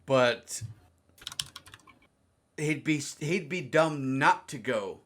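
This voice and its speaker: A man's voice: fairly high pitch, animated, very slow, a bit bright. A man from South Carolina with a Southern US accent, chatting loosely about sports on a podcast and often repeating words as he starts a thought. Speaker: podcast co-host. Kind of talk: casual chat.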